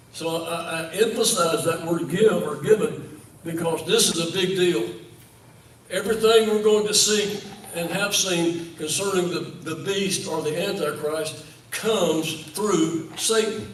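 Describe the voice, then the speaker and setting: A man, a pastor teaching a Bible study, who speaks deliberately, repeats words for emphasis and puts questions to the group. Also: fairly high pitch, slight background noise. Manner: asks the group questions and affirms answers. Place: church room. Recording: echoey room, voice from a distance.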